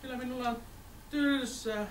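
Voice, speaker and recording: A woman's voice: sits high, steady tone, slight background noise, natural voice. A woman voicing a lonely, fibbing young shepherd boy who whines and sighs. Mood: bored. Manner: whiny, sighing. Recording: echoey room from far off.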